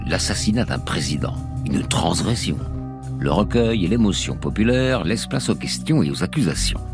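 A man's voice: deep voice, lively intonation, normal speed, creaky. A man narrating a scripted radio documentary as a dramatic story, with emphatic phrasing. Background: music.

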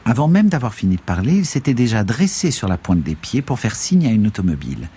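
A male narrator with a low, dark, husky voice reads a literary story in a measured, expressive way. His intonation moves widely, and faint music runs under him.

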